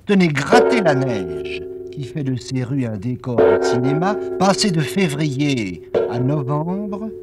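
A man's voice: medium pitch, big pitch swings, takes it slowly, few pauses, over loud music. A man narrating a television documentary report in a lyrical, playful, polished manner.

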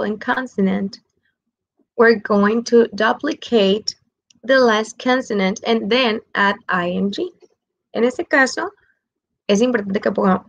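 A woman with a Mexican Spanish accent giving a bilingual grammar lesson, explaining slowly, repeating her examples and checking in with "ok?". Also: medium pitch, creaky, poor audio. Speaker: English teacher.

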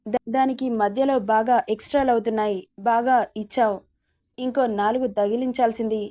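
A woman's voice: fairly high pitch, steady tone, a little fast, dark tone, lightly acted. A woman reading a gloating young woman. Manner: gloating, mocking. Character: gloating young woman, mocking sister-in-law's rival.

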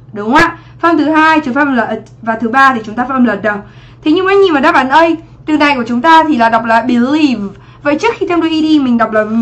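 High-voiced woman teaching a livestream lesson. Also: fairly bright tone. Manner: chatty, checks in often with "đúng không ạ". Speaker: English teacher. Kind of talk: livestream exam review lesson.

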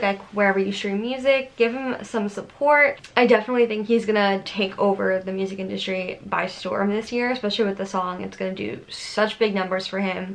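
Gushing, excitable woman vlogger. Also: medium pitch, creaky, low-quality recording. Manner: gushing, excitable, chatty with many "like"s. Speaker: YouTuber reacting to a song. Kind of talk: casual fan reaction vlog.

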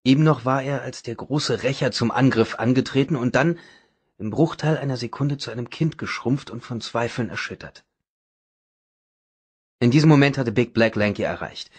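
A man reading a novel aloud as audiobook narrator, in a dramatic, even manner. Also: mid-range voice, normal speed, husky. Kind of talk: scripted narration.

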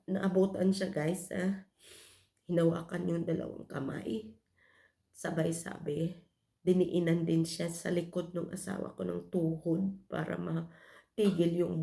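A woman's voice: fairly low pitch, vocal fry, warm tone. A woman from the Philippines, a vlogger telling a personal story to her viewers in a confiding way, often calling them guys.

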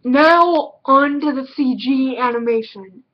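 Woman, high voice, slow deliberate delivery, blunt emphatic review, dull lo-fi sound. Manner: blunt, emphatic, repeats words for stress. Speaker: film reviewer. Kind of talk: casual video film review.

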